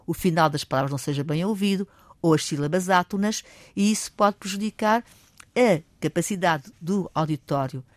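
An older woman with a European Portuguese accent, a teacher explaining public speaking in a lively way, acting out examples. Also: lowish voice, no echo. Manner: lively, acts out examples, admits speaking fast.

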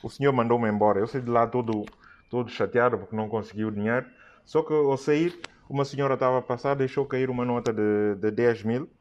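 A man's voice: mid-range voice, a little fast, lo-fi sound. Guy telling a funny carnival story, mid voice, does both sides of the convos. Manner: lively, acts out both sides of dialogues. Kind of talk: comic storytelling.

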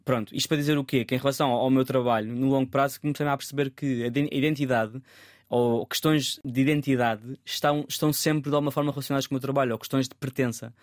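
A man's voice: medium pitch, fairly even intonation, fast, no room sound. Reflective man, dry close sound. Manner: thoughtful, many restarts and repeated words. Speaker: photographer guest. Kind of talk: casual interview.

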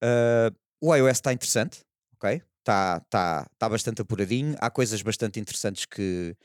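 Speaking with a European Portuguese accent, this man wanders hesitantly through a casual podcast chat and keeps asking check-in questions as a panelist. His lowish voice has lively intonation and a moderate pace, recorded dry at studio quality.

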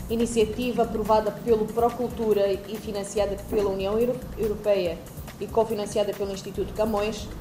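A woman giving a formal speech at a launch event, speaking slowly and formally. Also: medium pitch, echoey room, background noise.

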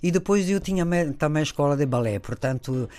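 A woman's voice: deep voice, animated, fairly quick, mellow. Older Italian-accented woman, radio guest, expansive storyteller. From Italy. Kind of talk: radio interview.

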